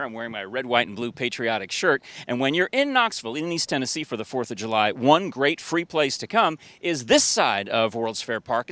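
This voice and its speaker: A man's voice: medium pitch, a bit bright, no room sound. Man, local TV host, everyday mid voice, folksy outdoor presenter. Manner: upbeat, folksy tour-guide delivery. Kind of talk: TV feature presenting. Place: outdoor city park.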